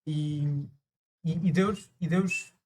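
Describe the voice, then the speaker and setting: A man, a deacon preparing for priesthood, speaking slowly and reflectively with many pauses and fillers. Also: a little high, fairly even intonation. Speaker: transitional deacon, guest. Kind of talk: casual conversation.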